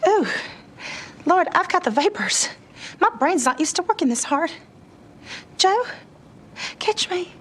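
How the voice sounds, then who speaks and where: Spoiled teen girl, theatrical, very high voice, swooping. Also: animated, a little slow, pauses often, noisy background. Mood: grandiose. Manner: theatrical, grandiose, drawling. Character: pompous rich Southern teen girl. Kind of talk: TV comedy-drama acting. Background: music.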